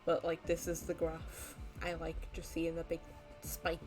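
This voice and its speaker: A woman's voice: sits low, monotone, measured pace, over music, rough recording. A tired young woman wrapping up a live stream, rambling casually with many ums and likes. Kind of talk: casual end-of-stream chat.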